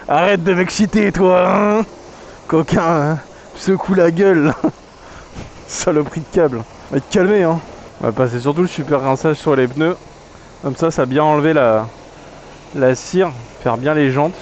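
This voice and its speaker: A young man, a moto vlogger, riding outdoors and chatting casually to himself, slangy, joking and swearing a lot. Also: a little high. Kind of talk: casual vlog commentary while riding. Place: outdoors on a motorbike in traffic. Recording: muffled helmet mic with loud wind and traffic noise.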